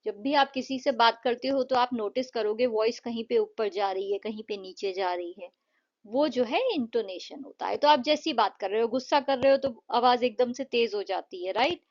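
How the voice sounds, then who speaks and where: A woman teacher with a fairly high voice walks students through a poem in Hindi. She pads her sentences with "jo hai" and checks in with "right?". The recording is dull and lo-fi. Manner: fills pauses with "jo hai" and asks "right?". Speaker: English teacher.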